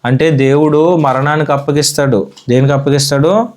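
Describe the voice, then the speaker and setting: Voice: mid-range voice, fairly even intonation, brisk, a little mellow. A Sunday school teacher from India giving a children's Bible lesson in a church classroom, asking the children questions and repeating their answers.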